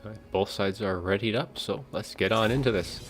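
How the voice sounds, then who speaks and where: A man co-casting a strategy game tournament, explaining army builds in a relaxed way. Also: on the low side, moderate pace, faint music behind. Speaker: esports co-caster. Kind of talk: tournament commentary.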